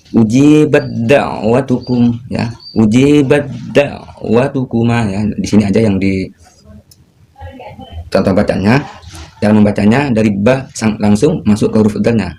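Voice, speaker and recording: Patient male tajweed teacher, mellow voice. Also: on the low side, slight background noise. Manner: repeats examples slowly, drawn-out recitation; addresses listeners as ladies, gentlemen and younger ones. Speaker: Quran recitation teacher. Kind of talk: tajweed lesson.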